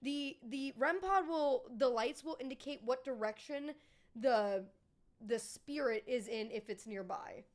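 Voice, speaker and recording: A woman's voice: high voice, unhurried. A woman streamer chatting casually with her live viewers, rambling and swearing freely.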